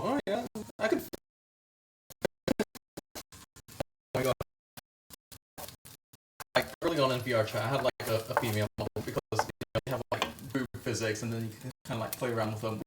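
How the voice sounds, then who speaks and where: A man livestreaming from home in a loose, chatty way, cursing freely and breaking into laughs. His voice sits at an ordinary middle pitch. The sound carries a noticeable room echo. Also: very fast, far from the mic, heavy background noise. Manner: profane, laughs often. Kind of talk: casual livestream chat while cooking.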